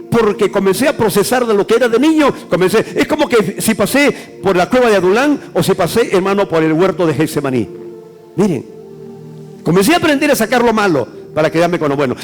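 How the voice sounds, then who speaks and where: A middle-aged pastor, preaching a sermon that swells loud and drops to hushed phrases. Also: male voice, sits high. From Peru.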